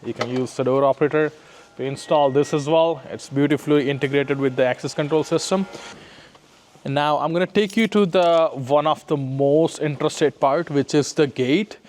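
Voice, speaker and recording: On location in a residential building, from lobby down to parkade, an installer walks through a casual demonstration and explains as he goes. His voice sits on the high side with a darkish tone and a normal pace, and he keeps tagging his lines with a quick "right?"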